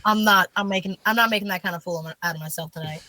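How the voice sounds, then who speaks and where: A woman's voice: mid-range voice, rapid-fire, a crowd in the background. A woman guesting on a podcast, chatting casually with dry, teasing remarks. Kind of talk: casual chat.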